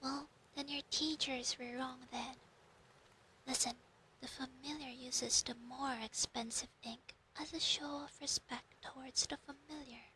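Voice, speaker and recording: A woman voicing a clingy, proud female fox spirit familiar in an ASMR role-play, breathy and intimate on a close binaural microphone. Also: high-pitched, fairly even intonation, a little slow, pushed and bright, a little hiss or hum, low-quality recording. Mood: insistent, lecturing.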